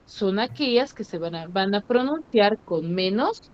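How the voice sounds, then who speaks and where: Slow, patient woman teacher quizzing pupils. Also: medium pitch, expressive. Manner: quizzing, stretching out syllables for emphasis. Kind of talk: online class lesson. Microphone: computer mic on a video call. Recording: slightly muffled online call audio.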